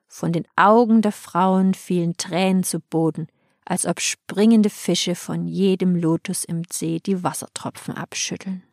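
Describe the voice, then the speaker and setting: A woman narrating an old epic as an audiobook in a solemn, measured storytelling manner. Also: mid-range voice, a little mellow, no room sound, clean studio sound.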